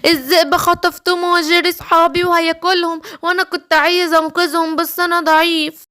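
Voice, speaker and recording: A woman's voice: very high-pitched, flat delivery, fairly quick, pushed and bright. A woman with an Egyptian accent voicing a small, weak young male animal, worried and tearful. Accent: Egyptian Arabic.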